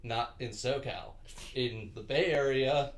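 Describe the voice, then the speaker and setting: A man from Southern California hosting a podcast, talking casually in a relaxed, halting way. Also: medium pitch. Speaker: podcast host. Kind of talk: casual conversation.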